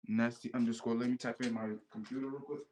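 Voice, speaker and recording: A man from Charleston in the United States talks in a casual, slangy way to a stranger on a random video chat, often repeating his phrases. His voice is medium-pitched, level, quick and darkish in tone.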